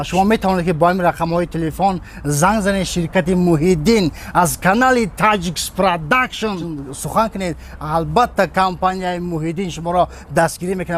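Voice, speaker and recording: Loud high-voiced male announcer. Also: slight background noise. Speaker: announcer of a phone service ad.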